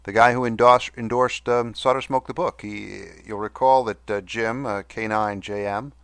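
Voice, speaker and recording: A man with a fairly low voice hosts a podcast, recorded very dry. His S sounds whistle slightly. He talks casually and haltingly, with good-humoured, self-deprecating asides. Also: steady tone, fairly bright tone, clear, resonant tone, no echo. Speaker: podcast host. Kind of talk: casual monologue reading listener mail.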